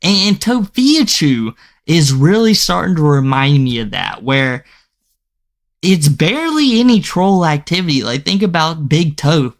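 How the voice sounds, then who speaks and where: A man's voice: on the high side, big pitch swings, a little slow. A young man talking through a reaction video in a loose, conversational way. He restarts his sentences often and speaks straight to his viewers. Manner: casual, stammering restarts, addresses viewers as guys. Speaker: commentary YouTuber. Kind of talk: reaction commentary.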